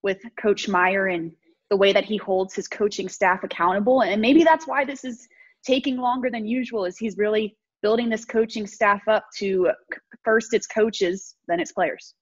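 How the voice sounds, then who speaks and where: A woman's voice: medium pitch, fairly even intonation, moderate pace, dry recording, lo-fi sound. A woman on a football podcast, chatty with a sarcastic edge. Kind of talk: casual sports discussion.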